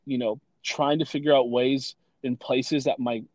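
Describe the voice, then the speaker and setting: A man's voice: mid-range voice, fairly even intonation, measured pace, a little mellow, no room sound. Easygoing man guest, dry close sound. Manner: easygoing, rambling, many fillers. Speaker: guest, brand consultant and content creator. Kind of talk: casual interview chat.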